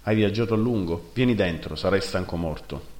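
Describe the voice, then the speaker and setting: A man's voice: low voice, fairly quick, a little mellow, lightly acted. A man voicing a treacherous brother in the service of the undead who talks with false friendliness, in a roomy recording. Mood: false warmth. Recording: roomy echo.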